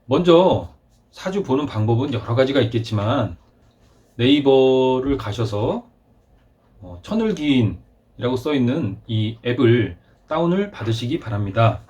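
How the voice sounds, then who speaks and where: A man hosting his own channel, explaining step by step over a screen recording in a polite, formal way, with frequent filler pauses. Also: mid-range voice, sing-song, darkish tone, muffled recording. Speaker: channel host explaining fortune-telling.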